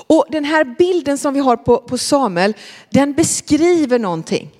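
Woman telling kids a bible story, really animated voice, fairly high, long echo like in a big church hall. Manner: animated, questioning the listeners.

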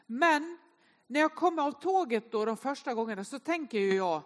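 A woman gives a humorous Sunday sermon, speaking with a somewhat high voice. She tells self-mocking stories in an animated way and talks straight to the congregation. Her voice rings out with a long reverb through a large church hall. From inland northern Sweden.

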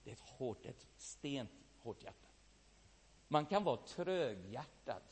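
A man preaching a sermon, telling a story with great feeling, swinging between loud outbursts and hushed, quiet passages. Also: mid-range voice, very animated, husky. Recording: long reverb of a large hall.

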